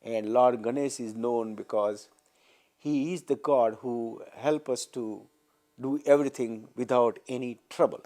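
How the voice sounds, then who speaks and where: A man with an Indian English accent explains his views simply and earnestly. His voice is dark and mellow. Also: medium pitch, a little slow. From Baroda, Gujarat, India. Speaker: temple member. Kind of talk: documentary interview.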